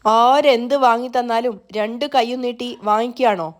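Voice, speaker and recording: A woman's voice: on the high side, fairly even intonation, normal speed, close to an everyday voice. A woman voicing a proud young mother who speaks sharply and indignantly. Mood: angry.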